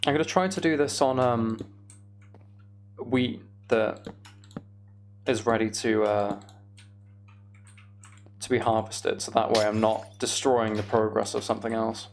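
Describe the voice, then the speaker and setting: A man with a lowish, steady voice runs a live game stream, speaking at a measured pace and pausing often. He chats informally with his audience and mutters step-by-step narration of his task over clear keyboard typing and clicking.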